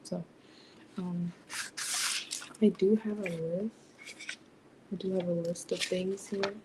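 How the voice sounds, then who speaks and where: A young woman hosting a late-night livestream, speaking softly and half whispering so she won't wake the house. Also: fairly low pitch, fairly even intonation, takes it slowly, background noise. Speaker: livestream host, business founder. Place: home at night, others asleep.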